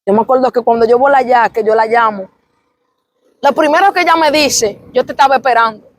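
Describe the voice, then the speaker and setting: A woman's voice: on the high side, fairly quick. A young woman tells her religious testimony in an interview, fervent and repetitive, breaking into praise. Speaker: interview guest.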